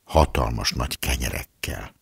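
Deep gravelly husky man reading aloud. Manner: calm, measured storytelling. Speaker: audiobook reader. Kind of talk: literary reading.

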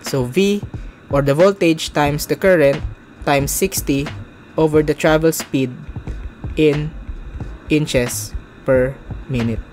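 A man's voice: fairly high pitch, a little mellow, a little hiss or hum. A young man in his twenties teaching a welding calculation step by step, recorded at a desk webcam indoors. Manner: slow, step-by-step explaining. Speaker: welding instructor. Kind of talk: narrated whiteboard tutorial. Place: indoors, small room.

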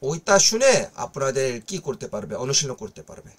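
A man from South Korea with a Korean accent, a native Korean speaker, teaching a language lesson online in slow, halting explanations full of fillers. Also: mid-range voice, sing-song.

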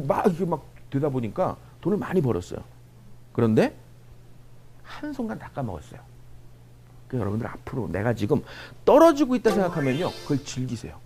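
Lively joking male lecturer. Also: medium pitch, slight background noise. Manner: joking, animated, peppers talk with rhetorical questions. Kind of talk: humorous lecture to a live audience. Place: lecture room with an audience.

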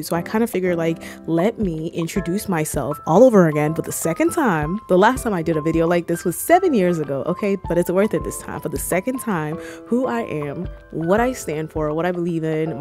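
In a small indoor room bathed in red light, a woman from Cameroon in her twenties talks casually to camera for her YouTube audience. She grips a mic right by her mouth, and her fairly low voice carries a playful, jokey energy punctuated by squeals.

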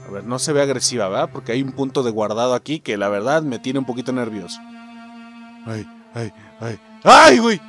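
A man with a Mexican accent commenting on a video game as he plays, excitable and profane, yelping at scares. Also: mid-range voice, fast, hardly any pauses, faint music behind. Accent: Mexican Spanish. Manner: excitable, swearing, yelps and shouts at scares. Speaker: gaming YouTuber. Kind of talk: let's-play commentary.

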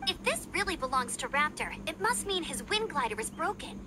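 A woman's voice: high voice, sing-song, a little fast, background noise. A woman voicing a perky, earnest young female scout in an anime-style video game dub. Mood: determined.

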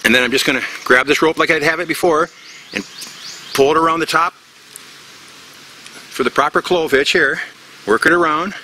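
Middle-aged outdoor instructor, bright edgy voice, casual step-by-step demo, faint background ambience. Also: male voice, a little high, normal speed, long pauses, a little hiss or hum. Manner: plain, step-by-step, repeats himself with fillers. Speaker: bushcraft instructor. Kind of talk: casual outdoor knot demonstration. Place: outdoors in tropical forest.

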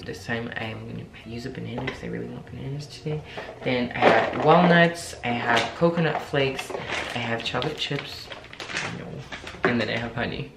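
A man's voice: medium pitch, gravelly, heavy background noise. Chatty young man in an echoey kitchen. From France. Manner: chatty, playful, jokes at himself. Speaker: cooking vlogger. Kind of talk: casual cooking demonstration. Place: home kitchen. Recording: echoey kitchen with clattering dishes.

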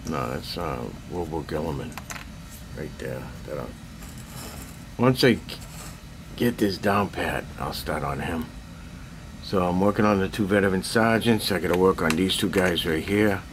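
An older man talks slowly and deeply, clearing his throat now and then as he rambles in a self-deprecating way. He is filmed on a handheld camera in a cluttered basement hobby room, with a faint hum in the background. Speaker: miniature painting hobbyist. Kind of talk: casual show-and-tell update.

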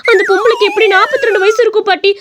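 Woman doing a shrill weepy young village wife. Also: fast talker, fairly bright tone. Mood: tearful. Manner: wailing, self-pitying complaints.

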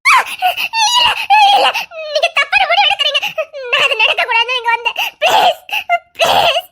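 A woman's voice: extremely high pitch, animated, moderate pace, pushed and bright, a little hiss or hum, full character voice. An actress voicing a frightened but defiant young woman in an audio drama, who stammers and pleads with nervous laughter. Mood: pleading. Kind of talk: Tamil audio drama acting.

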